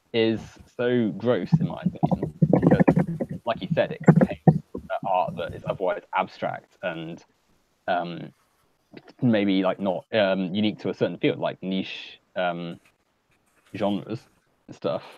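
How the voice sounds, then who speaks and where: A man's voice: low-pitched, fairly even intonation, measured pace, background noise. A man in a casual online hangout, talking earnestly and at length with many fillers. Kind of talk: casual political discussion. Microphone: home computer mic on a video call. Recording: dull lo-fi audio.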